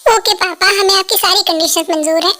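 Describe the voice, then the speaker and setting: A woman voicing a cheeky, dramatic teenage son in a fan dub, high voice. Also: fairly even intonation, fairly quick, pushed and bright. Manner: cheeky, exaggerated complaints.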